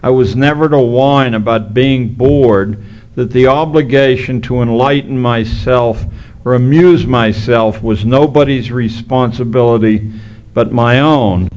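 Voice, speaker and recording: A man's voice: mid-range voice, a little slow, darkish tone, lo-fi sound. A man giving a public lecture, with hesitant starts and a slight lisp from missing front teeth. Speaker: keynote speaker.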